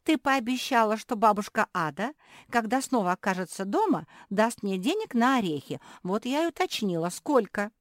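A woman's voice: mid-range voice, lively intonation, no echo, studio quality, voice pushed up, close to an everyday voice. A woman voicing a naive, chatty young female pug who blurts things out, in a storybook reading. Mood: puzzled. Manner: eager, blurts things out quickly. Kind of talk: storybook character voice.

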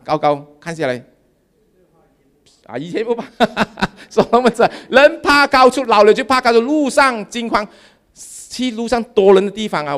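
Lively, animated pastor in his fifties. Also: high voice. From Malaysia. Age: 50s. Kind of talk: sermon.

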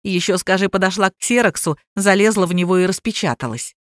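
A woman reading an audiobook voices a sarcastic young man with a flat, cutting delivery. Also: mid-range voice, fairly quick, dry recording, clean studio sound, natural voice. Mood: deadpan. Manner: deadpan sarcastic.

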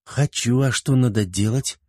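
A man's voice: mid-range voice, normal speed, dark tone, no room sound, clean studio sound, voice pushed up, lightly acted. A man reading an audiobook, voicing an eager, bossy little peasant girl. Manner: pleading, insistent.

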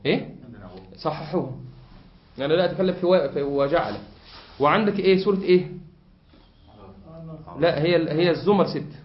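A man's voice: fairly high pitch, a little fast, long pauses. A man with an Egyptian Arabic accent teaching a classroom lesson, explaining a text patiently and quizzing his listeners with fill-in questions. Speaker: sheikh teaching a grammar text. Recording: echoey room, muffled lo-fi sound.

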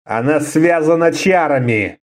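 A proud young barbarian, as a male narrator voices him, calm and terse in every reply. His voice is fairly high for a man and moves through a wide pitch range. It sounds like a fantasy read-aloud. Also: measured pace. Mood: cool.

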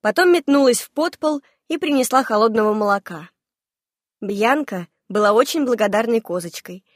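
A woman reading a first-person fantasy novel aloud in a lively, expressive narration. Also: on the high side, moderate pace, dry recording, clean studio sound. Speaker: audiobook narrator.

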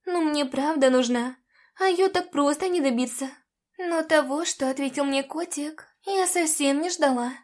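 A woman narrating a first-person fantasy audiobook in a calm, measured way. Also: high-pitched.

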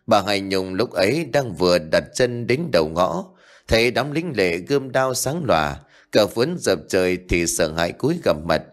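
A man narrating an audiobook story in a measured storytelling manner. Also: on the low side, big pitch swings.

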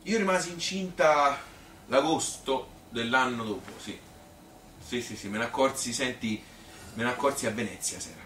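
A man with a natural, mid-range, slightly bright voice plays a plain-spoken Tuscan mother, reminiscing about marriage and pregnancy in a conversational theatrical monologue. At a moderate pace, he rambles in a colloquial, hesitant way, questioning himself with a worried, nostalgic mood. The stage recording sounds roomy and distant, with noise.

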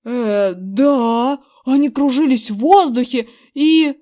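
A woman voicing a panicky middle-aged man in an audiobook, yelling frantically. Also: takes it slowly. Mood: sheepish. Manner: yelling, frantic, high-strung. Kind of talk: audiobook character voice.

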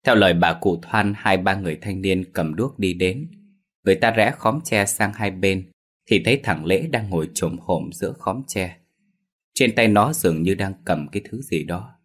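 A man narrating a Vietnamese village ghost story in a steady, measured way. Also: low voice, slightly rough.

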